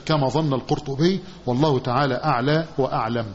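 A man with an Egyptian accent teaching a hadith commentary lesson, often quizzing his listeners with a drawn-out "what?" and repeating the answer. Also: medium pitch, fairly even intonation. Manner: asks the class questions, repeating phrases with a drawn-out "what?". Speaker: religious teacher. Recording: dull lo-fi recording with faint hiss.

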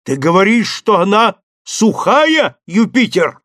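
Storybook part: man playing an excitable, obsessed gentleman, urgent shouted commands, dry close sound. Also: sits high, measured pace, no room sound, voice pushed up. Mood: feverish. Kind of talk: audiobook character voice.

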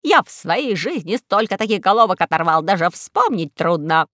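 A woman voicing a small, bloodthirsty male generalissimo who makes shrill, boastful threats. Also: big pitch swings, moderate pace, fairly bright tone, no room sound, clean studio sound. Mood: gloating. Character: squeaky bloodthirsty little male generalissimo tyrant.

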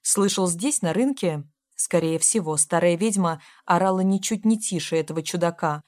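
A woman narrating a novel in a measured, expressive reading. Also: fairly low pitch. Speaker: audiobook narrator. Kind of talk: scripted narration.

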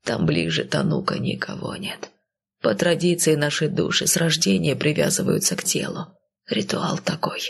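A woman voicing a timid, guilt-ridden undead male coachman who mumbles and pleads in a hushed voice. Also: fairly high pitch, sing-song, normal speed, vocal fry, breathy edge, full character voice. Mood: reluctant.

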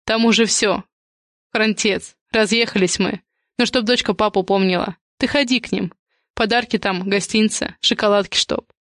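A resigned grown son about to go to prison, voiced by a woman reader, curt and flat in his instructions. The reading is close and dry, in an average register. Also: medium pitch, moderate pace, no echo, lightly acted. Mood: grim. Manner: blunt, resigned. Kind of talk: audiobook character reading.

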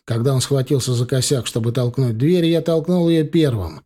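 A man reading a first-person audiobook story in a cool, measured voice. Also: medium pitch, mellow. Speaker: audiobook narrator.

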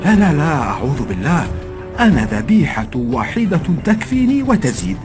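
A man's voice: fairly high pitch, very animated, brisk, darkish tone, voice pushed up. A man voicing a cheeky young farmhand who feigns innocence with sly questions. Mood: sly innocent. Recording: background music.

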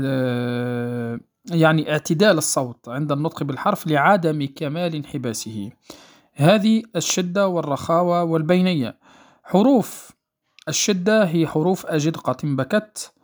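A man teaching the rules of Quran recitation, speaking in a measured, deliberate way with pauses and fillers, checking that listeners follow and drawing out sounds to show them. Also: a little high. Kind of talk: spoken lesson on recitation rules.

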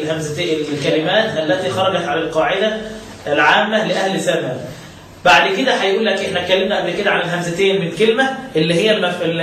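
High-voiced Egyptian sheikh in an echoey room. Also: male voice, slight background noise. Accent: Egyptian Arabic. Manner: chants verses slowly, then explains in lively colloquial speech with rhetorical questions. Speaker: Quran recitation teacher. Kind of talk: religious lesson explaining a chanted poem. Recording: very echoey room, mic far off.

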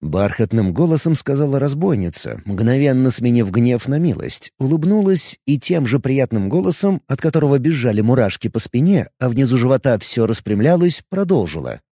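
Expressive male audiobook narrator. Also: medium pitch, normal speed, few pauses, no room sound, clean studio sound. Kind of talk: scripted fantasy narration.

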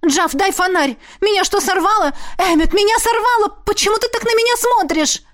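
A frightened young heroine pleads and cries out in a high, strained voice, as the woman reading puts her on. Her desperation rises far above the calm narration of this fantasy audiobook. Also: normal speed. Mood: panicked pleading.

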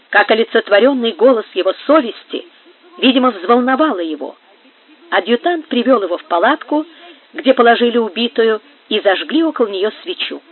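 An audiobook reader steadily narrating a novel. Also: medium pitch. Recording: tinny phone-like sound.

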